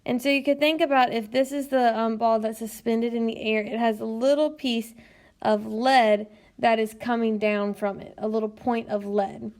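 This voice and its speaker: A woman teacher narrating a recorded lesson in a patient, explanatory way, often pausing with "um". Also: on the high side, fairly even intonation, a little mellow. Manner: patient, explanatory, frequent "um" fillers. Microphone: tablet screencast mic.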